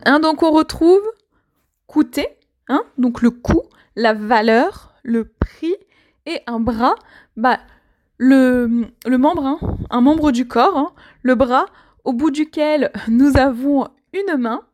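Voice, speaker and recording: Woman, lesson, high voice, slow and clear delivery, patient teacher. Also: darkish tone. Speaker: French teacher. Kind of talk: explaining an idiom to learners.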